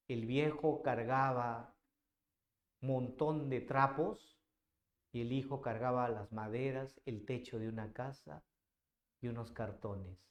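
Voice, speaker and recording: A male literature teacher, retelling a story expressively with dramatic pauses and rhetorical questions. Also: medium pitch, reverberant.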